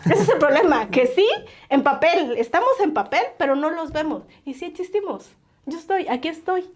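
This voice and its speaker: A woman's voice: high-pitched, lively intonation, moderate pace, darkish tone. Woman, earnest, filler-heavy, tag questions, podcast guest. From Oaxaca coast, Mexico. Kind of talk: casual interview conversation.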